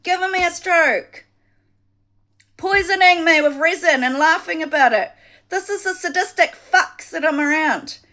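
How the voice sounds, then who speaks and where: Woman, high voice, distraught rambling to-camera plea. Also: unhurried, pushed and bright. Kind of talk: monologue to camera.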